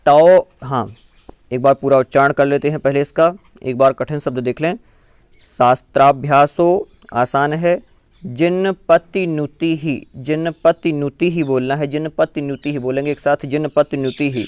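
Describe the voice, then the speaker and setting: A man teaching how to pronounce a Sanskrit chant. He chants each phrase slowly and drawn out, then explains difficult words in quick speech. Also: mid-range voice, fairly even intonation, clean tone, no room sound.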